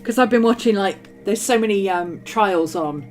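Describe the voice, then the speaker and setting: Medium in pitch and slightly dark in tone, this woman speaks at a normal speed. She's a middle-aged journaling streamer from the West Country with a mixed West Country and Manchester accent, crafting as she chats in a bubbly, casual way, laughing and saying um a lot over faint background music.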